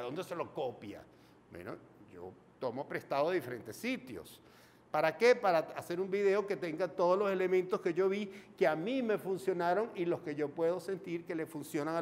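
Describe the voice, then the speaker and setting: A man's voice: on the high side, in a large hall. A Venezuelan man teaching film lighting in a chatty, informal video lesson, asking himself questions as he explains. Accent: Venezuelan Spanish. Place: home studio in front of a green screen.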